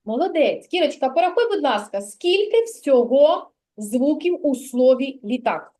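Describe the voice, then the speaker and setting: Повільна, терпляча вихователька. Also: female voice, sits high, big pitch swings, dark tone. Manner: slow, patient, praising and prompting. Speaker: kindergarten teacher. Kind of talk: early literacy lesson with a child.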